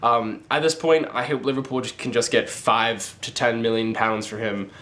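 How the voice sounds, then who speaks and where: A young man hosting his own sports video channel, arguing his opinions in a quick, emphatic way. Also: mid-range voice, steady tone, a bit bright. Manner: emphatic, fast-talking, argumentative. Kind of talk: opinionated sports commentary vlog.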